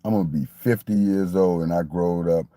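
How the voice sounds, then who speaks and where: Talking a little fast in a low, mellow voice with no echo, a Miami man in his late forties gives a casual monologue about his football team. Like a fan commentator, he meanders and repeats himself.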